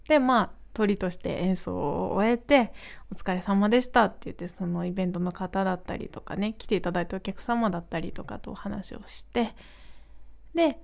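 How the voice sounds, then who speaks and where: A young woman hosting her own podcast, casually telling a story in a chatty, animated way, acting out quoted lines and laughing often. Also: mid-range voice.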